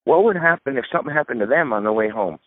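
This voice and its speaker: Through a dry, tinny phone line with no room sound, a retirement expert in his fifties speaks fast, at medium pitch, with lively intonation. He is a radio interview guest whose advice comes emphatically and instructively, one step at a time.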